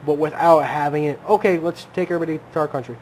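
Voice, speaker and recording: A podcast co-host chats casually about politics, rambling, hedging and often restarting his sentences. His voice is fairly high with a darkish tone and he talks at a racing speed. The low-quality recording has slight background noise.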